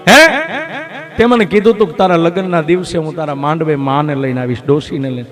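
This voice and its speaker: A man's voice: a little high, a little fast, fairly bright tone, lightly acted. A male storyteller voices a young bride who speaks tenderly while weeping, over plucked strings. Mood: tearful. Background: plucked string music.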